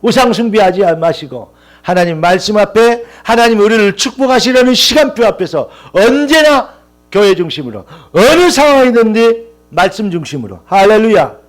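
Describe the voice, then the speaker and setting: A man's voice: sits high, big pitch swings, normal speed. A male pastor preaching a sermon with impassioned, rising emphatic lists and calls of hallelujah.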